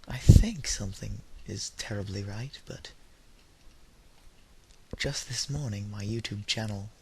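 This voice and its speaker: This young man, a high-school student in his teens or early twenties, rambles through a solo YouTube audio log while tired and under the weather, with dry, self-deprecating humour. His voice is fairly low with vocal fry and a measured pace. The home recording is noisy, with background hiss.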